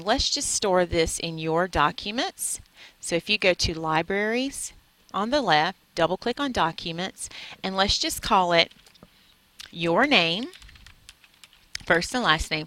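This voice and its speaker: A woman walks through a software tutorial at her computer, speaking into a headset microphone. Her voice is bright and sits a little low, and the sound is dry and close. She explains each step plainly and patiently. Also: no room sound, poor audio. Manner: clear, step-by-step instructional delivery. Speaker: teacher demonstrating software. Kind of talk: screen-recorded tutorial. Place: at a computer, indoors. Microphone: USB headset microphone.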